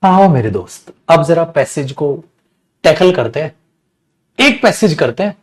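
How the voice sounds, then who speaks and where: A man's voice: fairly high pitch, animated, a little slow, husky. A man teaching an exam-prep lesson, casual and teacherly, mixing English terms into his explanations and calling his students beta.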